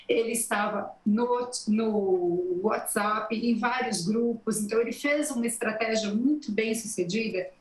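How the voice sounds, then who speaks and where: A woman with a Brazilian accent from the São Paulo interior explains election strategy at an even pace, with frequent "né" tags. Her medium-pitched voice has a noticeable room echo from a TV studio. She answers in a calm, explanatory way. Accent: São Paulo interior Brazilian Portuguese. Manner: explanatory, steady, many "né" tags. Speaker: journalist and election marketing consultant.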